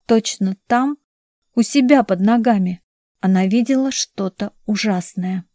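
A woman narrating a novel in the first person in a measured, even storytelling way. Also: mid-range voice, no room sound, clean studio sound. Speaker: audiobook narrator.

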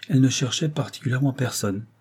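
A man reading a classic novel aloud as scripted narration, measured and even. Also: mid-range voice, slightly rough. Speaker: audiobook reader.

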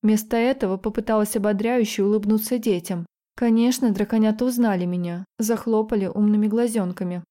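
A woman narrating a fantasy novel in the first person with steady, expressive reading. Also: medium pitch, a little fast. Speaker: audiobook narrator.

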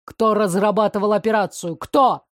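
A woman's voice: medium pitch, steady tone, moderate pace, dry recording, clean studio sound, natural voice. A woman reading an audiobook, voicing a furious, commanding middle-aged grand duke who growls and barks his questions. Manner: growling, barking interrogation.

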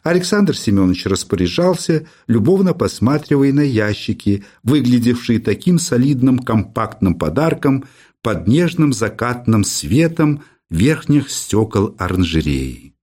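A man reading a literary audiobook in an expressive, measured storytelling manner. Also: medium pitch. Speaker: audiobook narrator.

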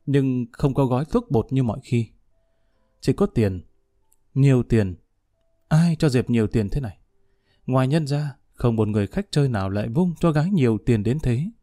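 A man's voice: mid-range voice, expressive, moderate pace, mellow, no room sound, studio quality. A man narrating a dramatic story in a scripted reading.

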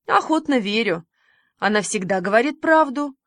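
Reading a storybook, a woman voices a kindly, fussy middle-aged village woman, brisk and motherly, softening on endearments. Her voice is a little high and expressive, with no echo.

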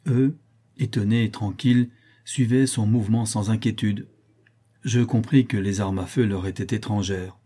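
A male audiobook narrator reading a first-person adventure. His voice is low, mellow and husky. He reads in a steady, measured way.

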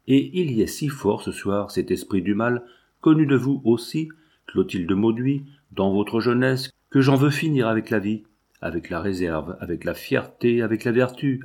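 A proud, desperate young noblewoman speaks in a harsh, hard voice, as a male audiobook reader puts her on. Her tone stays low and set. It is read as part of a storybook. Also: a little mellow, husky.

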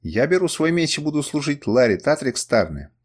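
An earnest young warrior, read by a man, declaring his loyalty with fervor. The pitch stays lively and close to the narrator's own voice. It sounds like a plain storybook reading. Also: brisk. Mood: fervent. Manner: fervent, declaiming.

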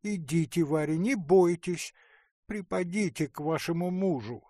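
A man's voice: a little high, unhurried, warm tone, no echo, pitched above the performer's own voice, close to an everyday voice. A man voicing a sentimental, theatrical middle-aged noblewoman who pleads tearfully, in an audiobook reading with a dry sound. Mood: pleading.

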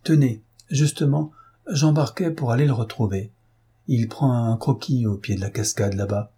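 A worldly gentleman speaks in a storybook reading, as a man voices him. He sounds half serious and half ironic, coaxing and wry. His voice is mellow and warm, with a husky edge. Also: medium pitch, moderate pace. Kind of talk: audiobook reading.

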